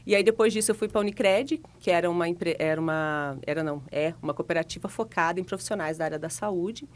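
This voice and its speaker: A woman in her forties from Paraná, Brazil, a guest telling her story in a relaxed, chatty way with easy laughs. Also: fairly low pitch, fast talker. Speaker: guest, financial consultant. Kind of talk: relaxed interview conversation.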